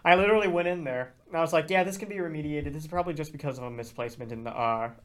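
Racing along in a voice on the high side, this teen boy hosts a laid-back podcast in person with a co-host indoors. He jokes around, curses without restraint and laughs between his lines.

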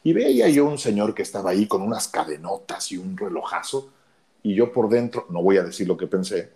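A Mexican man with a deep, low voice tells stories in a relaxed chat. His pitch swings widely as he acts out the people in his tale. He talks like a seasoned radio announcer. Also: brisk. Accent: Mexican Spanish. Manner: animated storyteller acting out dialogue. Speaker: radio announcer guest telling his story. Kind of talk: casual storytelling chat.

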